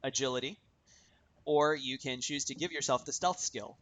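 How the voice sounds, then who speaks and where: A man's voice: medium pitch, moderate pace, fairly bright tone. A man narrating as game master in a casual tabletop session, chatty and full of fillers. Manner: chatty, many fillers, laughing at himself.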